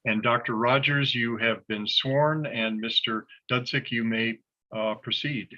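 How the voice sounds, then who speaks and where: A man serving as judge in a virtual mock trial, speaking politely and haltingly with many fillers over a video call. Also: mid-range voice, fairly even intonation, bright, forceful tone. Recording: dull lo-fi video call audio.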